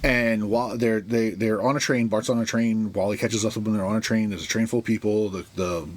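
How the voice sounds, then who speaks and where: A man co-hosting a casual comic book podcast, rambling and animated, often acting out characters' lines. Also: fairly low pitch, brisk, dry recording. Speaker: podcast co-host.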